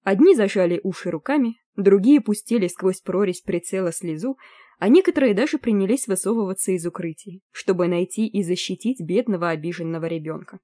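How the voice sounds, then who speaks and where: A woman narrating an audiobook with a warm, mellow tone. Her reading is lively and expressive, recorded close and dry. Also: mid-range voice, brisk, no room sound.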